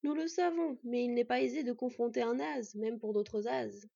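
A woman voicing a calm old one-eyed god who speaks softly and in a measured way. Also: on the high side, vocal fry, no echo. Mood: gentle. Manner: soft, measured. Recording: dull lo-fi, dry.

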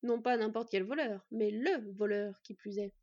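A woman voicing a pessimistic male elf, flat, weary, grave, storybook. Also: medium pitch, normal speed, lo-fi sound, lightly acted.

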